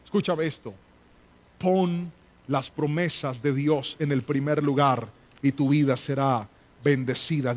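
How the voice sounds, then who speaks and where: A male preacher with a high-pitched voice delivers a live church sermon. He is emphatic, hammers home repeated refrains and keeps calling on the congregation to respond.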